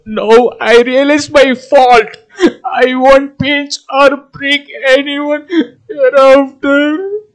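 A man's voice: extremely high pitch, expressive, takes it slowly, fairly bright tone, exaggerated voice, low-quality recording. A man playing a crying schoolboy bully. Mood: tearful, sorry. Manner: pleading, whimpering. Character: young schoolboy bully, tearful and sorry. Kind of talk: school puppet show voice acting.

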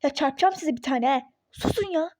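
A sarcastic, fed-up young mother in a phone-game role-play story, voiced by a woman. She talks high but with a mellow, dark tone, and snaps back with exasperation. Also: a little fast, a little hiss or hum, natural voice. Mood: exasperated. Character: irritable young pregnant mother, fed up, skeptical.

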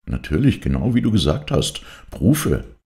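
A man's voice: extremely low pitch, very animated, normal speed, gravelly, darkish tone, full character voice. A man voicing a cheeky, impulsive young male piano pupil who speaks snippily in a spoken story reading. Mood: indignant. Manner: snippy, pleading.

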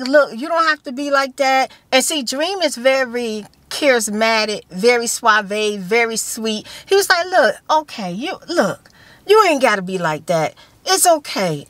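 A fifty-year-old woman chats to her phone camera from a parked car, talking with her hands and circling back to repeat her points. Her voice sits a little high for a woman. The sound is close and dry, with no room echo. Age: 50s. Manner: animated storytelling with hand gestures and repeated phrases. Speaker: vlogger. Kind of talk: casual chat to camera. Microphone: phone camera held close.

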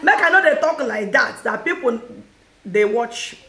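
A Nigerian mother with a high, bright voice, teasing her daughters in casual family chat. She laughs easily and slips into pidgin mid-sentence. The sound is roomy and echoey. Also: expressive, unhurried. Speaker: mother hosting a family live video.

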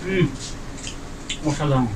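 A man gives rapid, repetitive tasting remarks for a home eating vlog while chewing with his mouth full. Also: on the high side. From Bangladesh. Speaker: food vlogger. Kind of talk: eating-show commentary. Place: home, indoors. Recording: distant mic with background noise.

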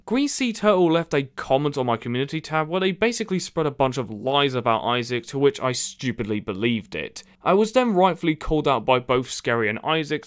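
A man narrates a scripted personal commentary as an online video creator. His voice is of average pitch, with a clean, smooth tone.

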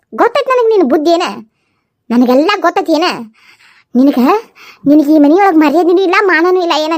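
A woman's voice: high voice, close to an everyday voice. A woman playing a bitter scolding young mother. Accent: North Karnataka Kannada. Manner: scolding, accusing.

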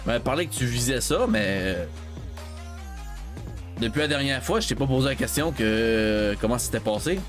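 This let's play streamer, a man with a Québécois French accent, rambles through a story in casual gaming chat, restarting often and leaning on filler. He speaks at a medium pitch with lively intonation and a moderate pace, leaving long pauses while faint music plays behind him.

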